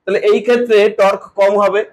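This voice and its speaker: A man's voice: high-pitched, steady tone, quick pace. A man teaching a physics lesson who explains step by step, asking questions and answering them himself. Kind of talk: classroom lecture.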